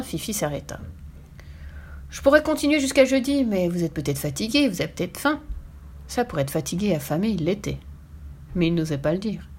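A woman reading a children's story aloud with lively, expressive storytelling. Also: lowish voice, slightly rough.

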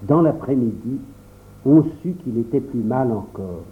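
A man reading a classic storybook aloud in the first person, with expressive storytelling. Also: mid-range voice, a little slow. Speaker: audiobook reader. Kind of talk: storybook narration. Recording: tinny phone-like audio.

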